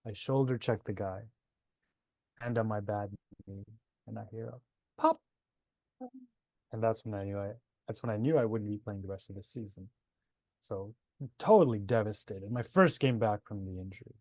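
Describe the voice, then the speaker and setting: In a conversational interview, a Nepal-born breathwork teacher in his twenties, who moved to Canada at seven, talks about his personal story. His lowish, darkish voice moves at a moderate pace, with no echo.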